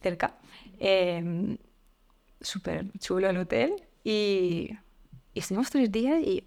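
A woman, a podcast guest talking openly and reflectively, with frequent fillers and soft laughs. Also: medium pitch, takes it slowly, gravelly. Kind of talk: candid conversational interview.

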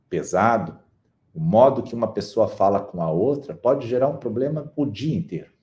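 A man giving a calm, measured motivational talk, pausing slowly for emphasis. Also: deep voice. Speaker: speaker on personal development.

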